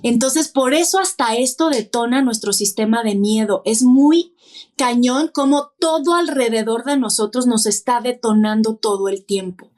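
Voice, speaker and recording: A woman's voice: fairly high pitch, normal speed, darkish tone. A woman, a podcast guest who explains things step by step and poses rhetorical questions. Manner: didactic, lists points and asks rhetorical questions. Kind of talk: explanatory interview talk.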